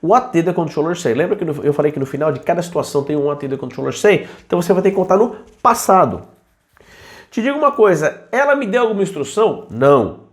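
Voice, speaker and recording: In an informal video lesson, a man teaches aviation English to pilots. His voice is high for a man, and he speaks in a chatty, lively way, slowing down for English examples and sometimes acting out students' questions.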